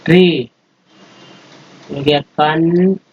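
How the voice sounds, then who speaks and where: A man's voice: a little high, fairly even intonation, slow pace, a little mellow, slight background noise. A man teaching English phonics, sounding out word parts one at a time and then joining them into whole words. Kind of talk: spoken phonics lesson over slides. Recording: dull lo-fi recording.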